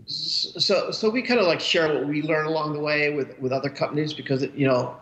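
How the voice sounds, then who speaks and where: A man's voice: a little high, steady tone, fairly quick, a bit bright. A man in his forties, a guest speaking casually over a webcam call from a room at home, rambling with many restarts and fillers. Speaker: cartoonist guest. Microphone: webcam video call. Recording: roomy, dull video-call audio.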